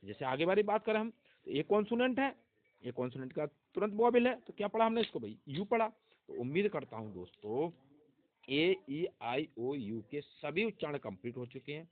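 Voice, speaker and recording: A man teaching a pronunciation lesson with a lively, swooping delivery that sits a little high for a man. He hammers each rule home by repeating it and keeps asking the viewer questions before giving the answer. The sound is thin and tinny, as if heard over a phone line. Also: moderate pace. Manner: repetitive, drilling rules and asking questions to the viewer. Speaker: English teacher. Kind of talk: grammar lesson.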